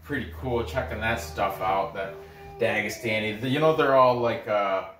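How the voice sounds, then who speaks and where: A host born in Korea who grew up in New York gives laid-back, meandering fight betting picks, often interrupting their own train of thought. The medium-pitched voice is a bit bright and moves at normal speed, with faint music behind. The room sounds echoey and noisy.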